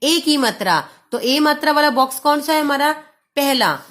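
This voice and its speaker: Woman, primary school teacher, high voice, patient, syllable-by-syllable lesson for kids. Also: expressive, a bit bright. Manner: patient, sounds out syllables slowly, calls pupils "beta". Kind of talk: online class lesson for young children.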